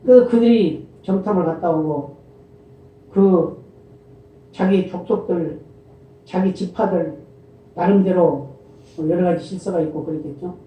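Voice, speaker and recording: A male pastor preaching a sermon, often asking the congregation questions and answering them himself, and reading scripture in a slow, formal cadence. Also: sits high. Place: church sanctuary. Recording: echoey church hall from far off, dull lo-fi sound.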